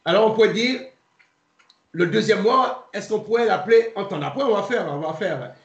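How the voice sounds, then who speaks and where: A man with a fairly high voice leads a relaxed, informal Bible study as its teacher. His delivery is halting: he stops, restarts and repeats words, and he spells names out letter by letter. The recording sounds muffled, with a roomy echo.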